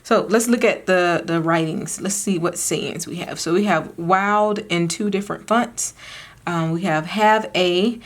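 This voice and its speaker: A woman's voice: on the low side, a little slow. A woman with a Southern US accent, a craft vlogger chatting casually to her viewers, rambling and giggling with lots of fillers. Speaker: craft YouTuber.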